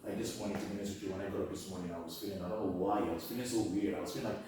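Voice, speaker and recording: A man's voice: deep voice, steady tone, rapid-fire, darkish tone, a little hiss or hum. A male comedian with an Irish-tinged accent, telling rambling stories in a casual podcast chat, restarting and swearing. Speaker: comedian guest. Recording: echoey room, mic at a distance.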